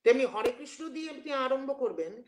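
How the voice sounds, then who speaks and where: A man's voice: extremely high pitch, lively intonation, fast talker. A man giving an academic lecture, explaining at length and sometimes chanting verses in a rhythmic way. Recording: roomy echo.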